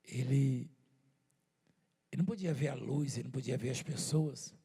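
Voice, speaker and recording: A man's voice: mid-range voice, moderate pace, vocal fry, mellow, breathy edge. A man with a Brazilian Portuguese accent preaching a sermon in a conversational way, with rhetorical questions and repeated words.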